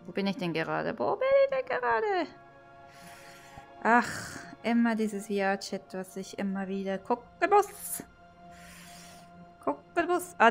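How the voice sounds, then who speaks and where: A woman, vlogging her VR tour in excited, gushing commentary to her viewers. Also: medium pitch. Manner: gushing, exclaiming, talking to viewers. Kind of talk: excited casual vlog commentary. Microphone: VR headset mic.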